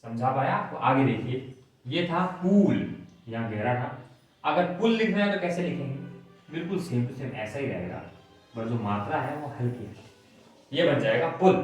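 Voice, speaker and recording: A man patiently teaching a shorthand class, explaining step by step and checking whether his students follow. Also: mid-range voice. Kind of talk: classroom lesson explaining on a board. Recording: very echoey room, mic at a distance.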